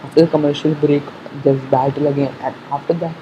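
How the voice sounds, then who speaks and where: A fan giving casual commentary on an episode preview, haltingly thinking aloud, repeating and correcting themselves, on a muffled recording. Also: medium pitch, little pitch movement. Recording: muffled sound with faint background noise.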